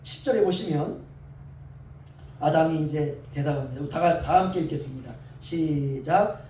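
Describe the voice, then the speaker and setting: Guy pastor preaching, goes soft then loud and stretched out, echoey church, mic kinda far off. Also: a little high, slight background noise. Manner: swings between soft asides and loud drawn-out calls. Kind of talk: sermon. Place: church sanctuary.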